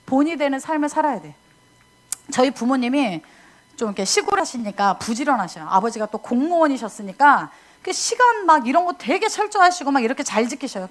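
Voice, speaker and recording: Animated high-voiced woman lecturing. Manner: animated, acts out scolding voices, chatty asides to audience. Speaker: missionary speaker at a youth camp.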